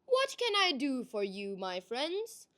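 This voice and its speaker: A woman performs a sly male trickster from a storybook. The voice is high and swoops upward with melodrama. The manner is folksy, cheerful and full of exaggerated thanks. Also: huge pitch swings, slow pace, bright, forceful tone, full character voice. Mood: stubborn. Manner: folksy, exaggerated, mock-grateful. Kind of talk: acted storybook dialogue.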